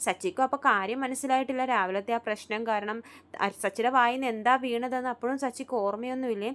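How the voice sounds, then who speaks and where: A woman recaps a TV serial episode in a casual, chatty way. She talks very fast and restarts her sentences often. Her voice sits somewhat high for a woman. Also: steady tone, fairly bright tone. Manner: rapid, chatty storytelling with frequent restarts.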